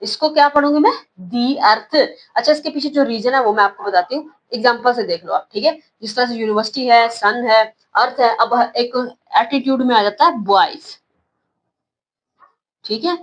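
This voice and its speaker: High-voiced Pakistani woman teaching English. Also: normal speed, dull audio. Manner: patient, repeats words and asks questions back. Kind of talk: classroom-style lesson.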